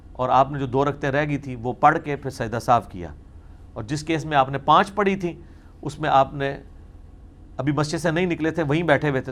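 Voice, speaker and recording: Pakistani guy explaining stuff in a studio q&a, kinda high voice, emphatic, throws in english words. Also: a bit bright. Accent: Pakistani Urdu. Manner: explanatory, mixes English words into Urdu, emphatic and wry in places. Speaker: Islamic scholar answering questions. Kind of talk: religious Q&A lecture.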